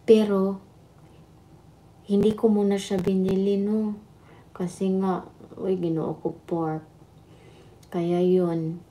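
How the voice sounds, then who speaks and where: A woman's voice: mid-range voice, level tone, slow, long pauses, mellow. A woman hosting a casual livestream, chatting and laughing with viewers. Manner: chatty, laughing, switching between Tagalog and Visayan. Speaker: livestream host. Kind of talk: casual live chat with viewers.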